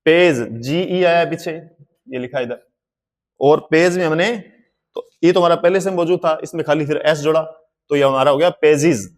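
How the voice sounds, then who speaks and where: Man spelling out words in a lesson. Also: fairly high pitch. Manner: slow, deliberate, spells words letter by letter. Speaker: teacher. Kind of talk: classroom-style language lesson.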